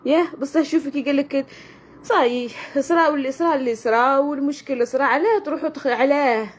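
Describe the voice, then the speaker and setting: A woman's voice: high voice, fast talker. A woman with a western Algerian Arabic accent, venting tearfully and in anguish in a personal vlog, repeating her phrases. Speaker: online video creator. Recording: dull lo-fi sound with loud-ish noise.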